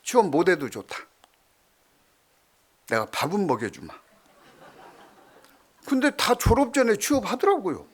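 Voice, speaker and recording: A middle-aged male pastor preaching a sermon, telling stories with swings from loud to hushed. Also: sits high, huge pitch swings, measured pace, pauses often.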